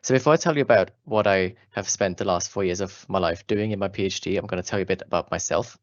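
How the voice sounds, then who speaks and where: Talking quickly in a deep voice, a young Austrian German-accented man in his twenties shares his road to doctoral studies with school students, friendly and earnest despite fillers and restarts. There's no echo, but the audio is dull.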